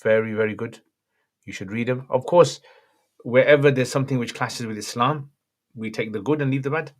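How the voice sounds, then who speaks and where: Reading viewer questions on his livestream, this Islamic scholar gives brief, matter-of-fact answers. He talks a little fast, in a mid-range voice with a slight croak.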